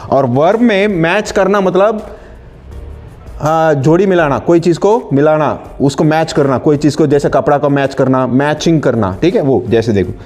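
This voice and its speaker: A man teaching English grammar in Hindi, explaining words slowly and reading out English example sentences. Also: a little high, a little mellow, soft background music. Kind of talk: online spoken-English lesson in Hindi.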